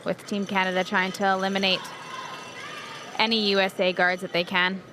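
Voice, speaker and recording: Woman giving calm analytical sports commentary. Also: medium pitch. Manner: measured, analytical. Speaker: color commentator. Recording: noisy arena broadcast.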